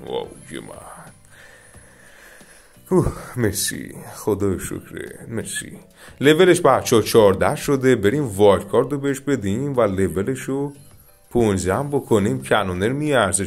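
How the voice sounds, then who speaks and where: An Iranian man talks viewers through a mobile strategy game in a chatty, excited way. His voice sits low in pitch. Faint game music plays under his commentary. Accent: Iranian Persian. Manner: excited, chatty, often addresses viewers as dear friends. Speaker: gaming YouTuber. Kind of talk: casual gameplay commentary.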